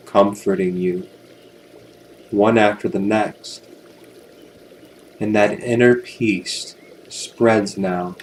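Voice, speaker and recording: A man with a fairly low voice narrates a guided hypnosis relaxation session, speaking very slowly and soothingly with long pauses between gentle phrases. A steady wash of watery ambient noise runs behind him, and the audio is poor.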